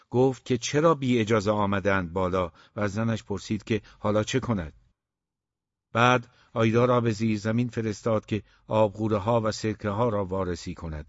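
A man narrating a story in a measured, even manner. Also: lowish voice, no echo. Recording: dull, dry lo-fi recording.

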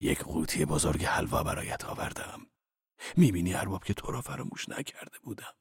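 A man voicing an earthy, coaxing old male laborer in an audiobook, talking with lively jumps in pitch. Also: vocal fry, breathy edge, no echo, studio quality, exaggerated voice. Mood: tender.

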